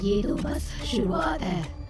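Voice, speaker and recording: A woman's voice: medium pitch, sing-song, slow pace, far from the mic, over music. A woman voicing a furious, cruel female ghost bride in a cartoon, snarling threats and shrieking for revenge. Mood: menacing, vengeful. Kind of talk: cartoon voice acting.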